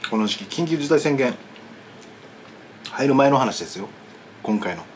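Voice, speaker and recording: A man's voice: mid-range voice, animated, normal speed, very noisy. A man vlogging about food, chatting casually while eating and telling a rambling story with many asides.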